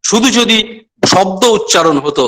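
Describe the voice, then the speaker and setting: High-ish guy lecturing students, slow and careful, says things twice so they sink in. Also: lively intonation, a bit bright. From West Bengal, India. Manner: repeats phrases for emphasis, addresses students directly; measured explanatory delivery with pauses. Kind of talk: online lecture.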